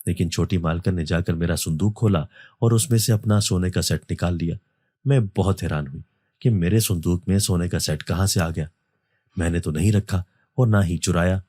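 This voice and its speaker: A man reading a first-person horror story as a storyteller, in a steady, even manner. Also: low-pitched, no echo, clean studio sound. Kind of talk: scripted narration of a horror story.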